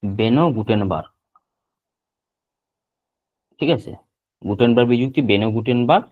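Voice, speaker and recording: Male teacher over a tinny line. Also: mid-range voice. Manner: repeats terms slowly for note-taking. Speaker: geography teacher. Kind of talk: online class lecture.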